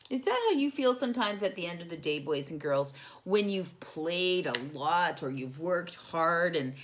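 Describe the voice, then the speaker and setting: Reading a picture book with lots of expression, a low-voiced woman hosts storytime for children, asking them simple questions and explaining things as she goes. There's a little hiss or hum in the audio.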